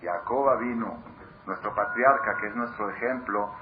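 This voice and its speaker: A man with a lowish voice speaks at a moderate pace while teaching Torah to a live audience. He drives points home through repetition and questions directed at the listeners, all in a dull, lo-fi recording carrying clear background noise.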